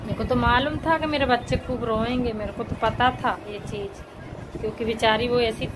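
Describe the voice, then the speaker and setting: A woman's voice: fairly high pitch, steady tone, moderate pace, background noise. A woman in her thirties filming a family vlog, coaxing and soothing her crying children in casual talk. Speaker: vlogger and mother.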